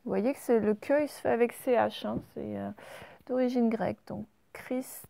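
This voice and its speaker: A French-accented woman teaching a recorded spelling lesson to young children, patient and clear, drawing out each example word. Her voice sits a little high and sounds close and dry, with no room around it. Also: dark tone, dry recording. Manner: patient, slow and clear, stretching out example words. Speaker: primary school teacher.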